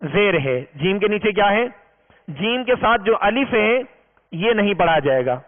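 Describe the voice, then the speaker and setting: A man's voice: high voice, sing-song, a little slow. A man teaching Quran recitation in a patient, step-by-step way, drawing out long vowels as he demonstrates. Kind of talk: recorded tajweed lesson. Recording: tinny, reverberant lo-fi recording.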